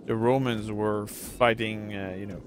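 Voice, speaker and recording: Over background noise, a man speaks in a fairly low voice with fairly even intonation, a little slowly. He's a middle-aged gameplay streamer from Quebec with a French Canadian accent, casually rambling through a strategy game with lots of fillers.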